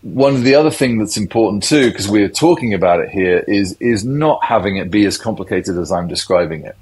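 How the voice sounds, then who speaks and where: Low-voiced man explaining casually. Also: a little fast, darkish tone, low-quality recording. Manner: explanatory, loose and conversational. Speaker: tech industry guest.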